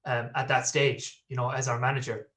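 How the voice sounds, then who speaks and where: A man's voice: mid-range voice, flat delivery, normal speed, fairly bright tone. A man around thirty with a west of Ireland accent, telling personal stories as a guest in a casual interview. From Galway, west of Ireland. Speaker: podcast guest, football fan.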